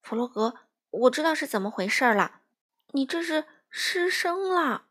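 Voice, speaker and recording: A woman voicing a wise, serious hare in a children's storybook, speaking slowly and soothingly. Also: high voice, expressive, a bit bright, voice pushed up.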